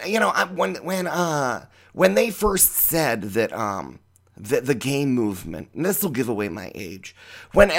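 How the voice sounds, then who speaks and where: A man's voice: fairly high pitch, vocal fry. A middle-aged man hosting a podcast as a drag queen, giving a rambling, tangential, profane monologue. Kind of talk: opinionated monologue.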